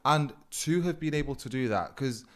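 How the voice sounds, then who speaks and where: A podcast host, young and not UK-born, rambles through a laid-back conversation full of filler words. His voice sits at a medium pitch and moves at a moderate pace.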